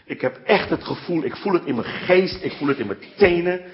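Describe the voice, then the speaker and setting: A male preacher telling stories in an animated way, keeping his listeners close with frequent asides. His voice sits a touch high. The recording is dull and lo-fi. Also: brisk. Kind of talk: sermon.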